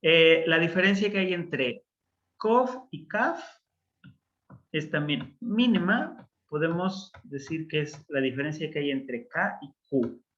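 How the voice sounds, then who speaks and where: A man teaching a Biblical Hebrew class online, explaining slowly and patiently with frequent pauses and fillers. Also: on the high side, expressive, a bit bright, highs cut off.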